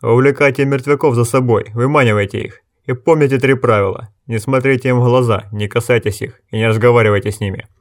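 A man voicing a bold young swordsman who loudly commands the others. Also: medium pitch, fairly even intonation, fast talker, hardly any pauses, close to an everyday voice. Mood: commanding. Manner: loud, commanding.

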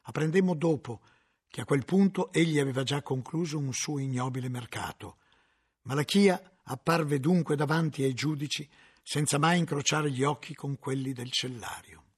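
A man narrating a literary novel aloud in a measured, dramatic reading. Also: on the high side, husky. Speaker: audiobook reader.

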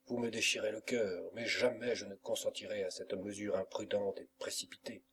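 A man's voice: lowish voice, flat delivery, normal speed, a bit bright, far from the mic, a little hiss or hum. A man reading a grieving young heroine. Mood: sorrowful. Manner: restrained, sorrowful reading.

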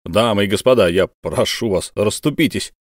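Guy doing a stern tired detective, lowish voice, firm, dry close sound. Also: normal speed, no echo, lightly acted. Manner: firm, commanding. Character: stern weary male investigator.

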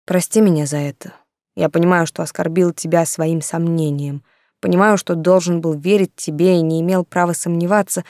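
A calm, restrained grown man who speaks gently and apologetically, as a woman narrator plays him. The voice is low and dry, recorded close with no room sound. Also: normal speed, dry recording, close to an everyday voice. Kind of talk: audiobook dialogue.

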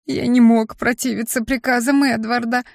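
A woman's voice: fairly high pitch, fairly even intonation, normal speed, gravelly, no room sound, studio quality, voice pushed up. Field: whining little imp, as a woman reads him. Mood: tearful pleading. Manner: sniffling, pleading and guilty. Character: whining tearful male imp, small demon. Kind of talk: audiobook character voice.

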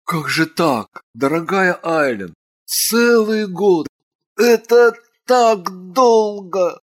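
A woman voicing a hot-tempered young king in an audiobook, with a loud, blunt way of talking. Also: deep voice, very animated, exaggerated voice. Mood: sad. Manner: loud, blunt, quick to anger. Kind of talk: audiobook character voice.

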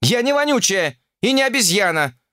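A stubborn young graduate student argues in a high, shrill, exasperated voice, as a male audiobook reader puts her on. The voice swings widely in pitch. The recording is dry and close. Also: sing-song, normal speed, dry recording. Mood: shouting.

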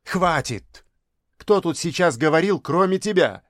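A man's voice: a little high, unhurried, no echo, clean studio sound, close to an everyday voice. A man reading aloud voicing a stern, weary middle-aged stepmother who talks curtly. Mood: sharp.

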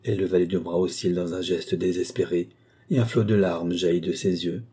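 A man reading a novel aloud in a measured, dramatic narration. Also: low-pitched, level tone, dark tone, slightly rough. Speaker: audiobook reader. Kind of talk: scripted narration.

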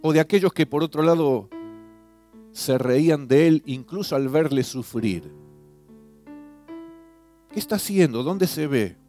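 Over soft guitar music, a preacher leads a guided devotional meditation, earnestly posing questions to the listener. His voice is a little high and a little slow, with long pauses, swelling on key phrases and softening at line ends.

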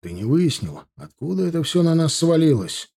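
A man's voice: fairly high pitch, very animated, normal speed, creaky, warm tone, husky, pitched above the performer's own voice, heavily acted. A man reading a concerned union chairman. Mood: scheming. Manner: concerned, thoughtful.

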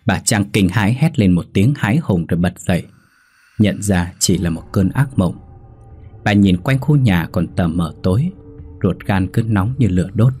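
A man narrating a horror story in a measured, suspenseful way. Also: deep voice, expressive. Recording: soft background music.

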